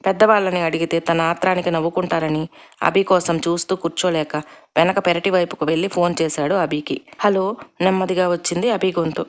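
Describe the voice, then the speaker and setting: Woman, storyteller, scripted narration, calm, measured, lowish voice.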